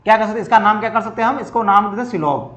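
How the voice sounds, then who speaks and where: A man's voice: high voice, racing, fairly bright tone, dull audio. A man teaching reasoning for competitive exams, asking questions and answering them himself, over and over for emphasis. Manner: drills by asking and answering his own questions; repetitive, emphatic. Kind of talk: exam-prep lecture. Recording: echoey room.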